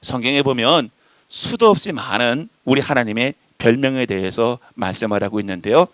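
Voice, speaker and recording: A man preaching a sermon, animated and emphatic, addressing the congregation directly. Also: normal speed, no echo. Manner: animated, voices shifting pitch and loudness for emphasis.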